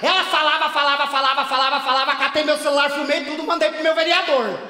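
A male comedian voicing a brash, indignant woman who is caring for her father in hospital. She talks in a loud, gossipy, dramatic way with shouting bursts in a stand-up monologue. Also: very high-pitched, little pitch movement, quick pace, heavy background noise. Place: theater stage at a live show. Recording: echoey hall, from far off.

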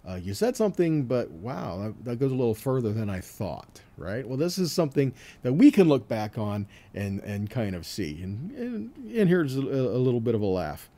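A man gives a weekly, informal scripture teaching in a warm, relaxed voice at a moderate pace with hardly any pauses. His lively, varied pitch shifts as he goes between reading and explaining, and he keeps it conversational with short rhetorical questions.

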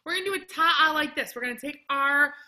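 A woman, around her thirties, leads a children's music lesson in an animated, encouraging, sing-song kindergarten teacher voice, recorded in a classroom on a computer mic. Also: high-pitched, fast. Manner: animated, exaggerated clear delivery for children. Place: empty classroom. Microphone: computer mic at arm's length, video call.

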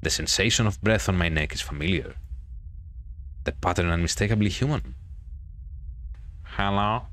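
In this gaming video, the male host narrates a visual novel with theatrical, stretched-out delivery and offhand remarks along the way. He speaks in a low voice with a fairly bright tone.

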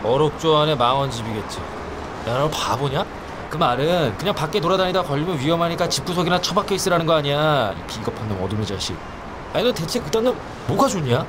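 An actor in his twenties playing an exasperated but soft-hearted young man in a film drama, grumbling and coaxing. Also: a little high, fast, background noise, close to an everyday voice. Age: 20s. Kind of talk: naturalistic Korean film acting.

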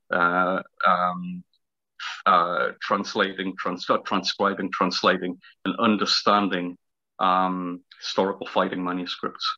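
A historical fencing teacher in his fifties, guesting in an interview, talks in a low, pushed and bright voice with a heavy Northumberland accent and drawn-out vowels. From north-east England, he explains things tentatively, pausing to find words. The call comes from a small room in his home, with the webcam-distance audio sounding slightly dull.

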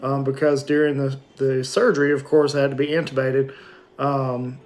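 A man in his forties giving a casual, matter-of-fact video diary, speaking haltingly with a sore throat and a swollen, numb lip and jaw. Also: mid-range voice, little pitch movement, faint music behind. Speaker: vlogger giving a post-surgery recovery update. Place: small indoor room at home with shelves. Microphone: phone or webcam at arm's length.

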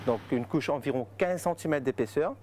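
Man explaining tea-making, with halting fillers. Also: on the high side, a little mellow. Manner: halting, with frequent fillers and restarts. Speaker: tea estate guide. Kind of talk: explanatory interview answers. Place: outdoors in tea fields and inside a factory.

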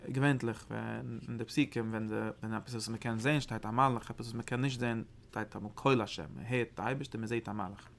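A man giving a study lesson on mystical texts as a Torah teacher, talking in a halting, searching way and often repeating phrases. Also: mid-range voice, fairly even intonation, vocal fry, a little hiss or hum.

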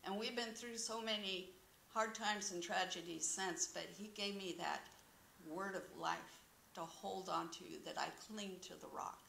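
A woman's voice: medium pitch, measured pace, vocal fry, sharp tone, slight background noise. A middle-aged woman sharing an earnest personal testimony at a church podium, telling a story and quoting scripture. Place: small wood-paneled church sanctuary, indoors. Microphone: podium microphone. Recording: roomy church echo.

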